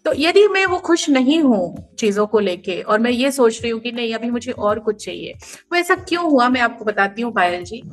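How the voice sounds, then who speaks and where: A woman in her thirties, a mother and podcast guest, giving earnest, emphatic advice and explaining it through everyday comparisons. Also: fairly high pitch. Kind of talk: podcast interview answers.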